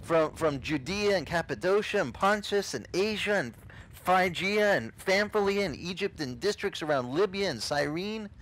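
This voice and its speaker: With a high-pitched voice and a moderate pace, a middle-aged non-native English speaker preaches a relaxed, energetic sermon on the beach. The pastor gestures and mimics the voices he quotes, and the recording is rough.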